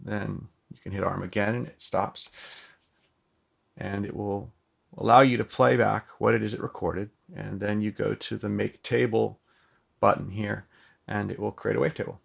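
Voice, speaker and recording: Guy walking thru a synth demo, lots of ums, super gravelly low voice. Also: steady tone, moderate pace. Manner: loose and chatty, many filler ums. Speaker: synth demonstrator. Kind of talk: casual product demo. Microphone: microphone plugged into the synth.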